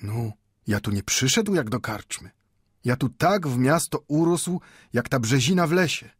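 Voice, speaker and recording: A man's voice: mid-range voice, expressive, measured pace, breathy edge, no echo, studio quality, voice pushed up. A man voicing an old, proud and impassioned male bookbinder with a Yiddish-inflected accent, arguing with rhetorical questions. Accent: Yiddish-inflected Polish. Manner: pleading, rhetorical questions, rising to fervor.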